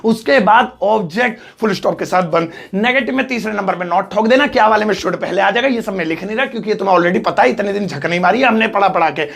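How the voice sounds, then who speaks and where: Man, english teacher, high voice, gravelly edge, joking and lively classroom lesson. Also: fast talker, few pauses. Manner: joking, lively teacher explaining grammar with acted examples.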